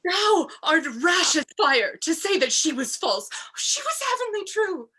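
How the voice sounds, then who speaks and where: A woman performs a loyal, outspoken lady's maid in a Shakespeare tragedy reading. The voice is high and sharp with a rough, husky edge. The delivery is fiery and declamatory. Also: lively intonation, a little slow, full character voice. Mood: defiant fury. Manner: impassioned, declamatory. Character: loyal, outspoken, fiery maidservant to a murdered lady. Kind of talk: Shakespearean tragedy cold read.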